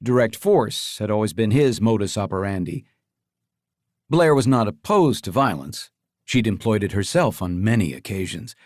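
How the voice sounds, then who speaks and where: A man's voice: fairly low pitch, big pitch swings, normal speed, a little mellow, dry recording. Man narrating a thriller audiobook, dry close sound. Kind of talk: scripted narration.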